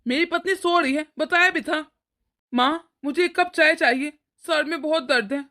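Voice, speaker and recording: Woman voicing a cartoon man who is cranky and preachy, pitched high and bright. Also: normal speed. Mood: irritated. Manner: annoyed, lecturing. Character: irritable elder brother, adult man, short-tempered.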